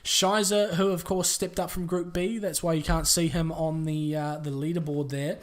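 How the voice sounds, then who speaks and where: Higher-voiced Kiwi race commentator. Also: male voice, normal speed. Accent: New Zealand. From New Zealand. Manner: chatty, filler-heavy, relaxed. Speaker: sim racing commentator.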